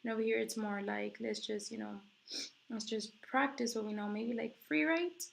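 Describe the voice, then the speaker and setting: Reading from her slides, a student presenter covers a textbook chapter and explains it casually, filling her speech with fillers and coughing occasionally since she is recovering from illness. Her slightly high voice has gravelly fry, a steady tone and a moderate pace.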